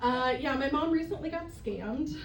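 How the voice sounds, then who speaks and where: A woman's voice: high voice, normal speed, recorded from a distance, slight background noise. A woman in her forties doing a stand-up comedy set, telling stories with laughing asides. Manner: animated storytelling with laughing asides. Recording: roomy club sound from off mic. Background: audience laughter.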